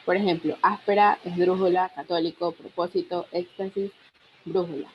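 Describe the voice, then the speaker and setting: A young adult woman with a lowish voice gives a university class presentation at normal speed and a level tone. She reads steadily, listing example words one at a time, on a dull lo-fi recording with a little hiss or hum.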